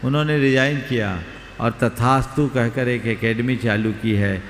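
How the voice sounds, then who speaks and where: A man, a monk, giving calm, measured counsel in a spiritual question-and-answer session. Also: medium pitch, slight background noise. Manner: measured, advisory, gives brief counsel. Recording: long hall reverb, roomy, faint ambience.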